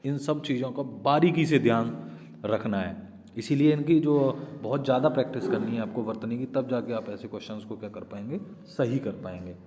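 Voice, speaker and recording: A man's voice: medium pitch, fairly quick, in a large hall, background noise. A man teaching an exam-prep spelling lesson, explaining step by step and often asking and answering his own questions.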